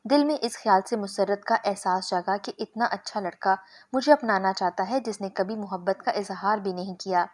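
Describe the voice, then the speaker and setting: Woman narrating a first-person story. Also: medium pitch.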